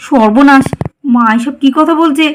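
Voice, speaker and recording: Woman doing a fed-up cartoon daughter-in-law, a bit high, keeps pleading and scolding. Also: moderate pace, echoey room, distant mic, slight background noise, close to an everyday voice. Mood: exasperated. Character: adult daughter-in-law, exasperated but caring.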